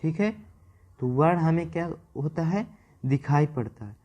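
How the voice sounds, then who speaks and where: A man with a fairly high, mellow voice teaches a Hindi grammar class at a slightly slow pace. He keeps repeating key terms, stretches words for emphasis, and poses questions that he answers himself in this classroom lecture.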